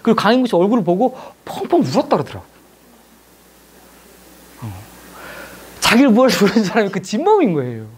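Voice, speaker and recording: A middle-aged man lecturing, telling a story with lively acted-out dialogue. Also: sits high, fast, pauses often, husky. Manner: animated storytelling, acting out quoted dialogue. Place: lecture hall.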